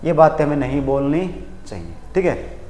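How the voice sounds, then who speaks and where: A man with an Indian accent teaching an exam-prep English class in a lively, direct way, calling his students kids and mixing English terms into Hindi. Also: on the high side, moderate pace. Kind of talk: exam coaching lecture. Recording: echoey room with long reverb.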